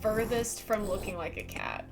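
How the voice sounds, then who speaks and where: A woman's voice: mid-range voice, huge pitch swings, normal speed, creaky, over loud music. A woman streaming a game, chatting casually and thinking aloud as she plays. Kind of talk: casual live-stream commentary.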